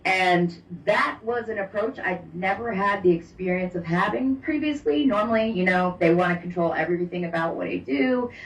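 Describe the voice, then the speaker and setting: A woman's voice: medium pitch, normal speed, few pauses. A woman, a band singer, talking freely and laughing as a guest in a remote interview from her bedroom office. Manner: friendly, laughs easily, talks freely. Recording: distant, roomy, dull remote call audio.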